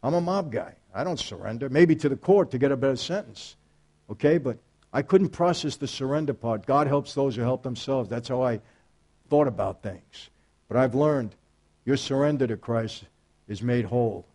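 A man giving a faith testimony, storytelling emphatically and speaking straight to his audience, swinging between hushed and loud. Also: mid-range voice, moderate pace. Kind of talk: personal testimony talk.

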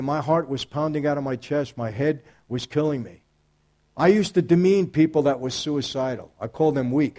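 A man giving a faith testimony, storytelling emphatically and speaking straight to his audience, swinging between hushed and loud. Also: medium pitch. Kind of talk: personal testimony talk.

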